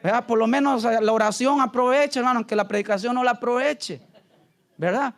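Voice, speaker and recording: A man with a notably high voice preaches a relaxed Bible study. He teases his congregation with jokes and keeps turning to them for agreement as he teaches. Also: a little fast. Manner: joking, keeps asking the congregation "¿verdad?" and "¿aló?". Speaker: pastor. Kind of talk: conversational Bible study sermon.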